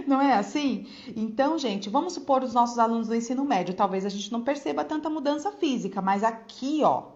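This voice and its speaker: Lively higher-voiced Brazilian woman teaching. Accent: Brazilian Portuguese. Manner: energetic, emphatic, repeats key points, checks in with listeners. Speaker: teacher coaching other teachers. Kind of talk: informal online lesson. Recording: dull lo-fi sound.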